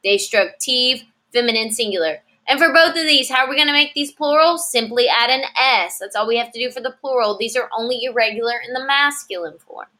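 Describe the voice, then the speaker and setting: A woman teaching French adjectives, saying each word slowly and repeating it, then explaining in English. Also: fairly high pitch, pushed and bright. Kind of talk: slow, clearly enunciated language lesson.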